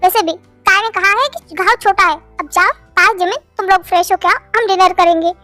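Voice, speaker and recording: A woman's voice: very high-pitched, a little fast, sharp tone, no echo, soft background music, pitched below the performer's own voice. A woman voicing a stern but kind middle-aged father who questions his children, in a Hindi fan-dub story. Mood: calming.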